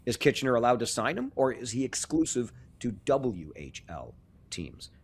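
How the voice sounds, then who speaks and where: Male podcast co-host, easygoing, chatty, mid-pitched. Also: sing-song, normal speed, slightly rough. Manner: genial, conversational, chuckles often. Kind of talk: casual sports podcast chat.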